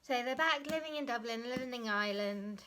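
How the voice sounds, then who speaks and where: A woman's voice: fairly high pitch, brisk, bright, forceful tone, slight background noise. A young woman vlogger talking casually about a book she has read, chatty and often stopping to search for the right word or correct herself.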